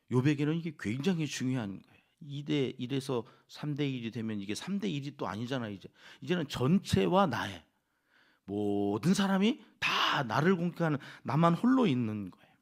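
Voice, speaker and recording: A male pastor giving an early-morning sermon in a church, lively and acting out what others say. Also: medium pitch, vocal fry. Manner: lively, acts out quoted speakers. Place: church sanctuary.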